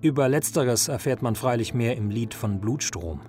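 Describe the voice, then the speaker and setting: A man voicing a learned male high priest, speaking in a knowing, lecturing way in a storybook reading. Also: expressive, normal speed, darkish tone, faint music behind, natural voice.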